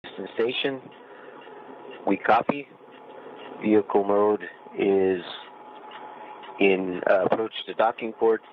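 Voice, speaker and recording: A man's voice: lowish voice, takes it slowly, pauses often, phone-quality sound, slight background noise. A man, an astronaut aboard the station, calling out docking figures in a clipped, matter-of-fact way over a breaking-up space-to-ground radio link. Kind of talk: radio call-outs.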